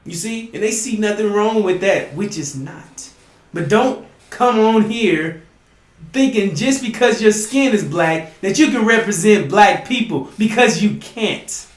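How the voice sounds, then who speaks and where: A man preaching emphatically to his listeners, often asking "you see?" and sometimes rising to a shout. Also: sits high, lively intonation, a little slow, reverberant. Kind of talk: impassioned preaching monologue.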